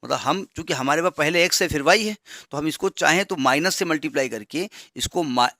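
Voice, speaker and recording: A man's voice: fairly high pitch, bright, forceful tone, no room sound, studio quality. A man teaching a maths lesson, explaining step by step with asides and rhetorical questions. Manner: reads English problem text slowly and deliberately.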